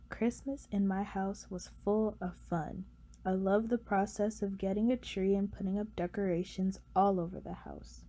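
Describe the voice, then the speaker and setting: Mellow, mid-pitched woman reads a fond class essay gently. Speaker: student presenter. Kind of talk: read personal essay.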